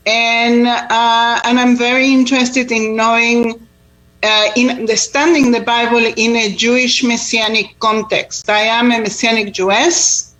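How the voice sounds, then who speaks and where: A woman's voice: a little high, flat delivery, measured pace, a bit bright, low-quality recording. A woman, born in Israel and raised in Argentina, talks earnestly in an interview about faith, with many fillers and repetitions. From born in Israel, grew up in Argentina. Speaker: tour guide and Bible teacher.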